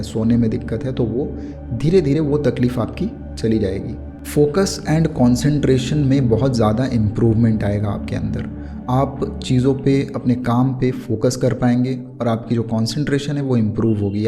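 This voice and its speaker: A man with an Indian accent giving an explanatory meditation lesson in a soothing, unhurried yoga-teacher manner. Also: mid-range voice. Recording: clear music bed under the voice. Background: music.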